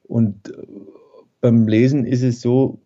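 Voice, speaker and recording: A man's voice: mid-range voice, little pitch movement, takes it slowly, warm tone, muffled recording. A male author, talking through his writing in a rambling, thoughtful way with many fillers. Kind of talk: conversational interview.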